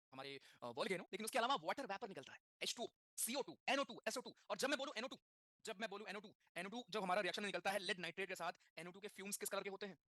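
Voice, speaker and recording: Rapid, bright-voiced male teacher. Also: high-pitched, no room sound, clean studio sound. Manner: rapid Hindi-English mix, repeats key terms, asks the class questions. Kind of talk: classroom lecture.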